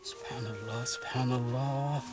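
A man's voice: on the high side, rapid-fire, soft background music, lightly acted. An actor playing a nervous, whiny young husband who pleads with his grandmother in a film comedy. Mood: awkward tender.

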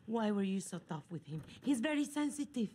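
An actress playing a soft-hearted, talkative wife who mixes up her idioms in a sitcom. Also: fairly high pitch, big pitch swings, brisk, a little hiss or hum. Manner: speaks with mixed-up idioms. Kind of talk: sitcom acting.

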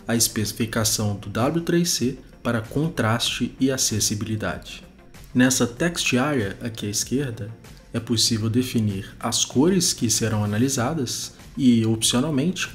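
A man hosting a web development show, giving steady scripted narration over a screencast of tools. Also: mid-range voice. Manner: steady, explanatory, informative.

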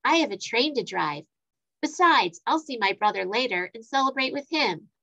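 A woman's voice: fairly high pitch, animated, normal speed, highs cut off. A woman doing a cheerful young train driver. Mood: playful. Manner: bright, friendly greetings.

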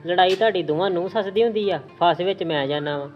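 Tired punjabi husband caught in the middle, a guy acting it, quick, roomy lo-fi sound. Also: high voice, natural voice. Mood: exasperated. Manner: pleading, exasperated. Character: weary young husband caught between wife and mother. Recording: echoey lo-fi room with music.

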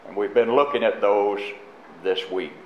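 An older man speaking as a pastor in a church, halting and full of fillers and restarts. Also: fairly low pitch, slight background noise. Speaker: pastor introducing a guest teacher. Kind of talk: unscripted church announcements and sermon. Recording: echoey, muffled live church stream.

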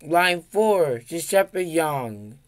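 A man making recorded train station announcements, calling out stops in a measured, evenly spaced way. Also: on the high side, animated. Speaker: transit announcer.

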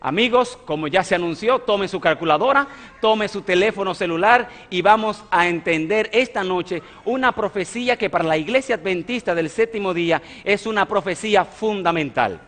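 A pastor in his thirties preaches from the stage of a large church hall. His voice is fairly high for a man and rings with a long reverb from the room. He speaks emphatically, throwing questions to the congregation and answering them himself. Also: normal speed, a bit bright. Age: 30s. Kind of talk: sermon. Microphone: stage mic at a lectern, filmed by broadcast cameras.

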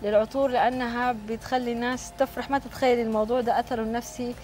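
Quick, high-voiced Sudanese woman presenting. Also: little pitch movement, darkish tone. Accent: Sudanese Arabic. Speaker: TV show host and prize draw presenter. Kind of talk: live TV presenting, reading messages and announcing prizes. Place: TV studio, standing.

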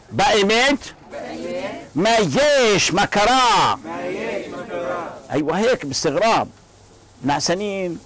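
A man with a fairly high voice leads a classroom language lesson. He drills short phrases slowly and has his students repeat them. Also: fairly bright tone, poor audio. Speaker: language teacher. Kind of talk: classroom lecture.

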